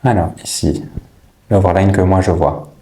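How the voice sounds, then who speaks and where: A man's voice: low-pitched, normal speed, over loud music. A man chatting through a makeup tutorial, teasing his viewers with playful asides.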